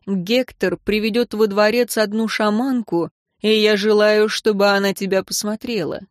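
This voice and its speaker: A woman reading an audiobook and voicing a weary male emperor who speaks low, restrained and quietly bitter. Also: fairly even intonation, moderate pace, dry recording, studio quality, natural voice. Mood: firm.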